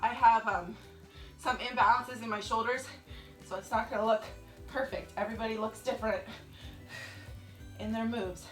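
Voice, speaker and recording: A woman's voice: a little high, fairly even intonation, moderate pace, pauses often, a bit bright, reverberant, faint music behind. A young woman working as an aerobics instructor, cueing a home workout in an encouraging way as she exercises. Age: young adult. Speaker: fitness instructor, channel host. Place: home living room. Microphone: camera on the floor a few feet away.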